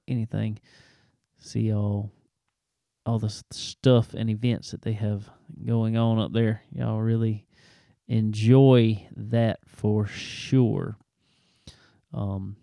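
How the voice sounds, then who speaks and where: A male radio show host chats casually, laid-back and joking, with drawled fillers and long pauses. His lowish, creaky, mellow voice moves slowly and barely changes pitch, in a dry, clean studio recording.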